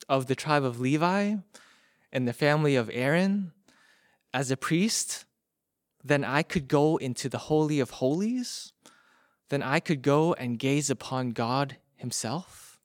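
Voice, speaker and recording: A man voicing an eager foreign traveler, full of wondering questions and longing to get in. His medium-pitched voice sits close and dry in the recording. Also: measured pace, no echo, lightly acted. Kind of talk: preacher acting out an illustration.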